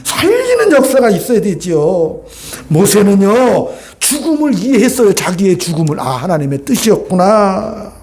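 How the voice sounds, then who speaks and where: A male pastor preaching a Sunday sermon in an animated, conversational way, often calling out for amens from the congregation. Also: sits high, moderate pace, hardly any pauses.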